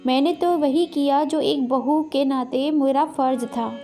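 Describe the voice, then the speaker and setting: A woman voicing a polite young daughter-in-law in a storybook tale, talking gently and respectfully. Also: high voice, steady tone, measured pace, faint music behind. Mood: reassuring.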